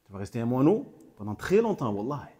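A man's voice: mid-range voice, very animated, fairly quick, warm tone, slightly rough. A man giving a religious lesson, repeating key phrases for emphasis and mixing in short Arabic phrases. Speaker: Islamic teacher. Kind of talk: religious lesson commenting on a hadith text.

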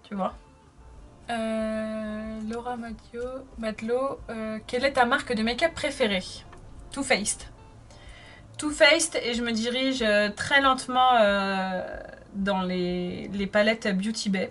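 Woman, 30s, chatty makeup vlogger, slightly high voice, faint music behind. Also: steady tone, unhurried. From France. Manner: chatty and bubbly, reads viewer comments aloud. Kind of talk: casual chat answering live comments.

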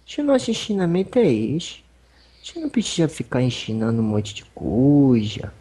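A humble, teasing old male spirit elder speaks with a Brazilian accent, voiced by a medium in trance. The voice is husky and its pitch swings widely between low murmurs and sudden high notes. He talks in a rambling, folksy, fatherly way. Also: big pitch swings, normal speed, mellow. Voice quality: husky, rambling, folksy speech with fond asides. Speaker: spiritual medium giving a consultation. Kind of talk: religious consultation talk.

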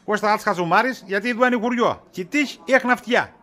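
A weary shopkeeper husband, as a man acts him out, high-pitched and bright, brushing off accusations with sarcasm. He sounds worn out and exasperated throughout the comic scene. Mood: annoyed. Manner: exasperated, dodging, wisecracking. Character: tired, evasive shopkeeper husband, middle-aged. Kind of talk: comedy sketch acting.

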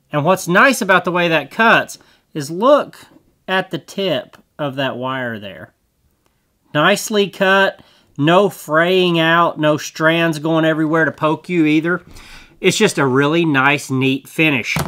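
Bright-voiced folksy man demoing a tool. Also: fairly high pitch. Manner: folksy, chatty, hands-on explaining. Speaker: tool reviewer. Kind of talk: casual product demo. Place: small indoor studio set.

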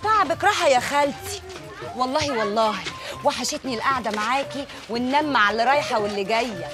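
An actress playing a flattering neighbor woman who coaxes and sweet-talks in Egyptian Arabic. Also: sits high, fast. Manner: sweet-talking, coaxing.

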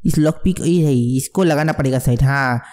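A man giving jumpy, excitable let's play commentary on a horror game, mixing English words into his talk. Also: a little high, moderate pace, big-room sound. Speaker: gamer.

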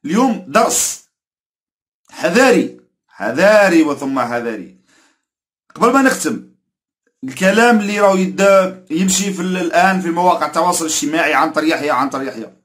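A man's voice: high voice, expressive, fairly quick, pauses often, fairly bright tone. A man speaking with an Algerian Arabic accent, giving an emphatic football opinion rant to camera. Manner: emphatic, repetitive, indignant warnings. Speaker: football commentator.

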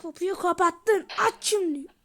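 A woman voicing every role of an amateur game drama in a heated, shouty, slangy way. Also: very high voice, a little slow.

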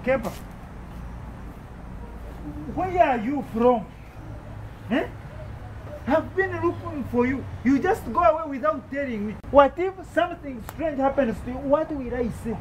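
A high-pitched Ugandan husband played by a man in a comedy skit, stubborn, clueless and grumbling. He throws out incredulous questions and grunts. The recording is outdoors, with clear background noise and a vehicle hum. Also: expressive, unhurried, pauses often, poor audio. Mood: scolding, puzzled. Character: stubborn, ignorant, grumbling husband of pregnant wife. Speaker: comedy actor. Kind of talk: improvised African comedy skit. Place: outdoors in a house garden.

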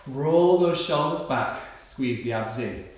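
Male fitness instructor, 30s, encouraging and exerting himself, very slow spaced delivery, strongly reverberant room. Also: medium pitch, animated, a little hiss or hum. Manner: encouraging, counting down reps. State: exerting himself while exercising. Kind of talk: upbeat workout coaching. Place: bright indoor home studio room, exercising on a mat. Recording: very echoey hard-walled room.

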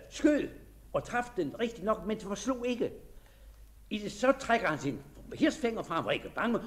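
A man gives a dramatic first-person reading of a diary in a fairly high voice. He sounds shy and hesitant, stumbles over his words, and sinks into soft, dreamy tones. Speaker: narrator.

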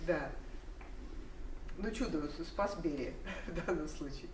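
Speaking slowly in a low, somewhat mellow voice, this older woman is animated as she recounts family memories to a seminar. She rambles, often hesitating and starting over, while standing among listeners who are seated. The sound comes from a distant camera mic in an echoing room, with noise present.

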